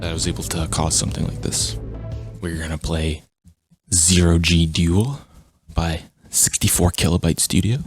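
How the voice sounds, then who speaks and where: Low-voiced man, casual game commentary. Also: fairly even intonation, moderate pace, slightly rough, faint music behind. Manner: stammering, repeats words often. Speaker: game jam reviewer.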